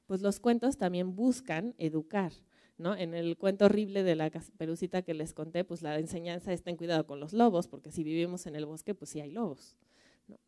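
Mexican woman lecturing at a museum, warm smooth voice, chatty storytelling. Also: fairly low pitch, brisk. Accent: Mexican Spanish. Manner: conversational, storytelling, frequent tag questions. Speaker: museum curator giving a lecture. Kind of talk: public lecture.

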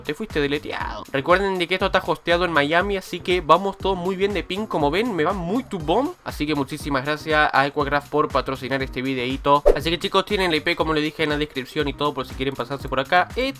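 A young man with an Argentine accent giving casual commentary over his gameplay and reading out viewer shout-outs. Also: fairly high pitch. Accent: Argentine Spanish. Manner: chatty, reads out viewer names in a quick list. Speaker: gaming YouTuber.

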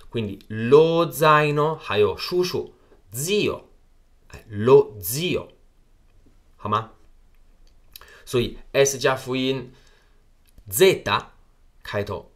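A man teaching a live online language lesson, patiently explaining and repeating example words. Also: fairly low pitch.

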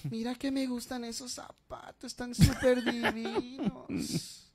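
A comedian doing a flamboyant, fussy male shopper in a shoe-store joke, sighing out "ay" in a sing-song high voice. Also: little pitch movement, slow pace, a loud crowd. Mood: fussy, delighted.

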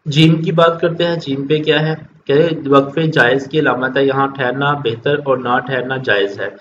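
A man's voice: mid-range voice, fairly bright tone. A man teaching children a Quran lesson, patiently explaining step by step and repeating his points. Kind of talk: recorded religious lesson for children. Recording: dull lo-fi recording with faint noise.

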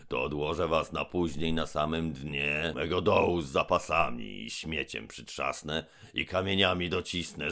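A man's voice: a bass voice, vocal fry, sharp tone, full character voice. Gębon, a man voicing a pompous robber giant. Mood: threatening. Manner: pompous, slow and menacing. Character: huge pompous robber monster with diploma, male. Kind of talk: audiobook character voice.

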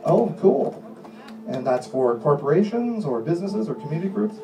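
A middle-aged man hosting a comedy hypnosis show, giving commanding, repetitive suggestions in deliberate phrases. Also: fairly high pitch, sing-song, distant mic. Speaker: stage hypnotist and host. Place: small indoor comedy club stage. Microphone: handheld microphone through PA, distant camera. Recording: echoey club PA recorded from audience, music.

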